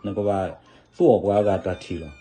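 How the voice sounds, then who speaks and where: A man talking casually in a relaxed, chatty commentary, often adding little tag words. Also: fairly low pitch, fairly quick, breathy edge.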